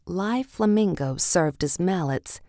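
A low-voiced woman reads a children's storybook aloud, taking the scripted text slowly in a read-along style. Her delivery is animated yet mellow, and the recording is very dry and close with no echo.

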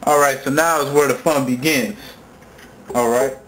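A man with a medium-pitched voice and steady tone presents a hands-on music gear tutorial at a moderate pace, chatting informally in slang as he demonstrates. Sampled music loops and instrument sounds play behind his voice, and the audio is poor.

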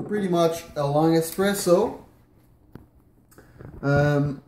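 His voice a little high, a thirtysomething man gives a chatty, hesitant how-to demonstration in his home kitchen at night, full of fillers and restarts as he moves about working. The camera on the counter records him from afar, catching kitchen echo and faint room noise.

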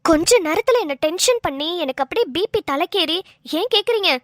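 A woman's voice: very high voice, brisk, no room sound. A woman voicing a chatty young wife who teases and tells stories, close and dry. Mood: teasing. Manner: chatty, teasing, animated storytelling.

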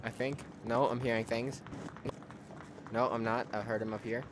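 A young man giving casual commentary while playing a game with a friend, jumpy, swinging from hushed mutters to shrieking laughter. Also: mid-range voice, flat delivery, moderate pace, background noise.

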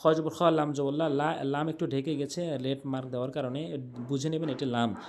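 A man from Bangladesh teaching how to pronounce the Quran, spelling out letters slowly and repeating words in drawn-out recitation. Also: fairly high pitch, fairly even intonation, a little mellow, a little hiss or hum. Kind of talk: explaining Arabic pronunciation rules.

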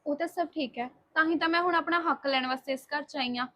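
A woman's voice: sits high, fast talker, bright, forceful tone. A woman playing a scheming pushy new wife. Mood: demanding. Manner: demanding, impatient. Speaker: second wife.

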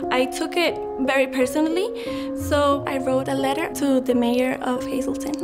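Earnest high-voiced young woman, from the Dominican Republic. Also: creaky. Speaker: college student. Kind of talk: documentary interview. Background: music score.

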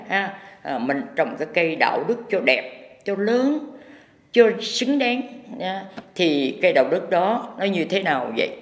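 A man, a Buddhist teacher giving a folksy, rambling impromptu sermon. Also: on the high side. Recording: echoey hall with long reverb.

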